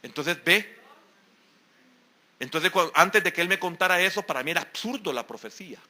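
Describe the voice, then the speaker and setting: A man's voice: high voice, animated, moderate pace, bright, forceful tone. A man preaching an evening church sermon as the pastor, in an emphatic style full of repeated exhortations. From El Salvador. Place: church sanctuary during a service.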